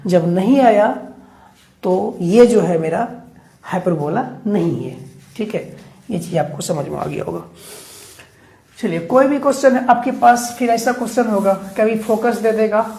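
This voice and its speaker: Gravelly maths teacher in echoey room. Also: male voice, high-pitched, a little slow, darkish tone. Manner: chatty, keeps checking in with students. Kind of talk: board lesson explaining steps. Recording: echoey room, faint background noise.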